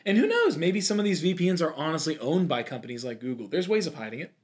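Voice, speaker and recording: A man co-hosting a podcast, chatting casually and airing opinions with lively asides. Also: on the high side. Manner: animated, opinionated, quick asides. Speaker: podcast co-host. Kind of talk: casual chat.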